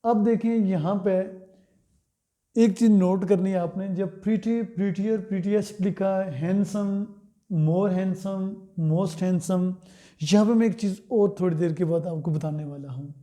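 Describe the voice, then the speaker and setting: A man teaching English grammar in Hindi, pronouncing example words slowly and putting questions to his students that he answers himself. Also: sits high, fairly even intonation, mellow. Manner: slow, drawn-out words, asks and answers his own questions. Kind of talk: Hindi-language grammar lesson.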